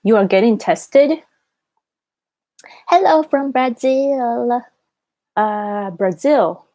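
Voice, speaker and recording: A woman chatting casually on a live stream, keeping her voice quiet late at night as if someone is asleep nearby. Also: on the high side, lively intonation, drawn-out words. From Japan. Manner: quiet, hushed late-night talk so as not to wake a sleeper. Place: small room in a tiny two-room home.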